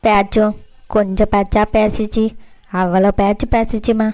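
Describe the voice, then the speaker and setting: A woman's voice: medium pitch, little pitch movement, moderate pace, a little mellow, soft background music, lightly acted. A woman voicing a hardworking middle-aged mother in a cartoon, tired and resigned but tender toward her daughter. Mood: weary. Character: weary hardworking mother, a housemaid. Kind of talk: cartoon voice acting.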